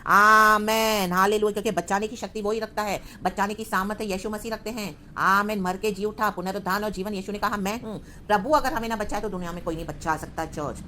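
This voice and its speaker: A woman's voice: mid-range voice, steady tone, brisk, hardly any pauses, fairly bright tone, slight background noise. A woman preaching a fervent sermon, calling out amen and hallelujah and breaking into speaking in tongues.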